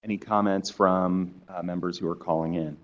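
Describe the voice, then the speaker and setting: Low-voiced man chairing a committee. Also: steady tone, normal speed, highs cut off. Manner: polite, procedural. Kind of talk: chairing a meeting.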